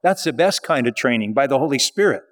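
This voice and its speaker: A man's voice: mid-range voice, expressive, quick pace, fairly bright tone, in a large hall. A male pastor preaching a sermon in a conversational style, with rhetorical questions.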